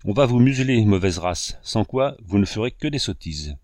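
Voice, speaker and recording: A bossy old-school brigadier , as a man reading a storybook puts him on. He barks his orders in a low voice, and the dry recording keeps every word close. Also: animated, normal speed, darkish tone, dry recording, natural voice. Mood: scolding. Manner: barking orders. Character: gruff male army brigadier, bossy.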